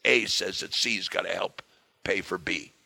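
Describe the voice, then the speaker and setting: Hoarse male guest, raspy tone, dry close sound, punchy delivery. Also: low-pitched, fairly even intonation, unhurried, bright, forceful tone, dry recording. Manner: emphatic, punches key words. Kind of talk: political interview conversation.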